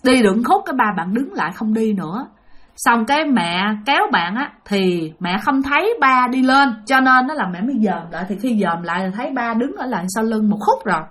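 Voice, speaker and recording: A woman narrating a ghost story in an animated way, talking straight to her listeners. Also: a little high, fairly quick. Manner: animated, addresses listeners directly.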